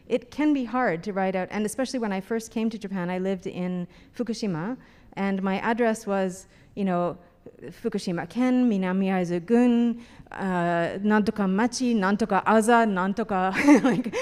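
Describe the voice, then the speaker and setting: A middle-aged woman talks at her usual pitch on a symposium panel. Her delivery is chatty and full of fillers, and she laughs often. Her voice carries a long reverb from the hall. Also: darkish tone, smooth. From Canada.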